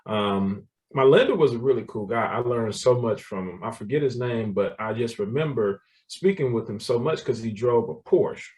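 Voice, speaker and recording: A man's voice: medium pitch, moderate pace, few pauses, darkish tone, far from the mic. A man, telling his story as a guest in a casual interview, laughing often and repeating words. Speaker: guest, real estate developer.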